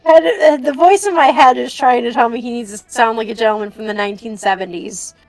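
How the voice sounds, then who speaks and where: A woman with a fairly high voice talks casually on a stream. She is scattered and giggly, half talking to herself. The sound is dry, with faint music behind her. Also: fairly quick, no echo, poor audio. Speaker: streamer playing and voicing a game with friends. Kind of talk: casual chat.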